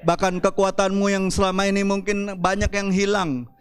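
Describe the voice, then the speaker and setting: A man preaching a church sermon as pastor, with dramatic swings of pitch and loudness. Faint music plays behind him. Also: fairly even intonation, moderate pace, clear, resonant tone.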